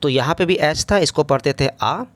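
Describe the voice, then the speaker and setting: A man's voice: a little high, normal speed, fairly bright tone, no room sound. A man teaching an English grammar lesson in speech, explaining step by step and often asking the class rhetorical questions.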